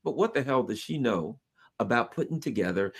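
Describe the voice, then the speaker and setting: A man's voice: medium pitch, animated, a little fast, fairly bright tone, husky. A man talking politics in an emphatic, sarcastic way, mocking the people he criticizes. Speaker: political commentator. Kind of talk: animated political discussion.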